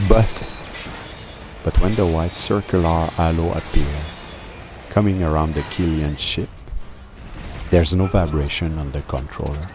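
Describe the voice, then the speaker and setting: A man giving live reaction commentary and critique over gameplay, pausing to analyze, then repeating words in bursts of mock outrage. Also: deep voice, gravelly, a little mellow, a little hiss or hum. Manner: deliberate, analytical critique with pauses. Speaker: video game reviewer.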